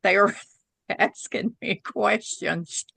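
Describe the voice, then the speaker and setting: A woman's voice: medium pitch, takes it slowly, vocal fry, pushed and bright, slightly rough, no echo. An older woman with an Oklahoma Southern twang and drawl, chatting casually. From Oklahoma, United States. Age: 60s or older. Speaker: spiritual channeler, guest. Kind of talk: casual chat.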